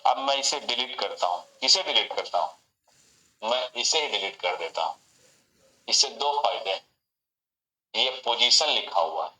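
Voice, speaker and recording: A man's voice: mid-range voice, sharp tone, echoey room, rough recording. A man teaching an online class, running call-and-response memory tricks and repeating each cue. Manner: repetitive, call-and-response mnemonics. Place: home room.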